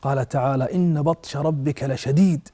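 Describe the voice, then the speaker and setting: A man preaching in a warm, mellow voice pitched a little high. He recounts a cautionary tale with passion, rising sharply at its tensest moments and turning often to address his listeners directly. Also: brisk, slightly rough. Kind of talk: religious talk with dramatic storytelling.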